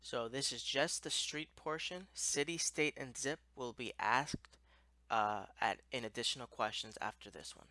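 Male instructor for a step-by-step walkthrough: plain-spoken, crisp bright tone, close dry sound. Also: mid-range voice, unhurried, no echo. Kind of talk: explanatory software walkthrough.

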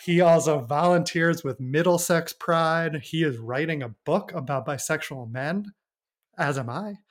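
A man's voice: on the high side, a little slow. A man hosting a podcast, introducing and questioning a guest in a friendly way, often laughing. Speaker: podcast host. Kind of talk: interviewing a guest.

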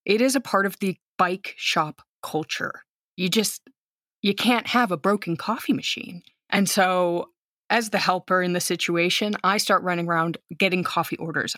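An American woman in her thirties, a teacher, speaks in a lowish voice over clean studio audio with no echo. She's an outgoing guest telling a story in casual conversation, animatedly acting out the voices of the people in it.

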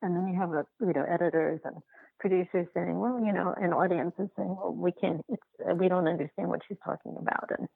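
Over a tinny, phone-like line, a woman with a fairly low, breathy voice and vocal fry talks about her documentary filmmaking as a podcast guest. Her intonation stays fairly even, and she halts, restarts and repeats herself as she tells her story. The recording itself is dry.

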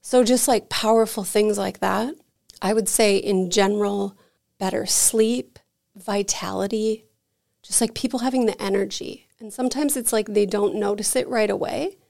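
Gravelly-voiced woman guest rambling through stories, says like a lot, casual chat. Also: mid-range voice, normal speed. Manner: chatty, peppered with "like", animated anecdotes. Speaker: energy healing center owner, guest. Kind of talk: casual conversational storytelling.

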